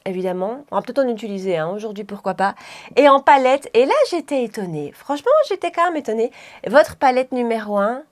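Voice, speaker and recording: A woman talks viewers through her makeup in a loose, chatty way, doubling back and correcting herself as she goes. Her voice sits a little high for a woman. It has the easy feel of a home tutorial. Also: lively intonation, fairly quick. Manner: chatty, rambling, frequent self-corrections. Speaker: beauty vlogger. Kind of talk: casual makeup tutorial chat.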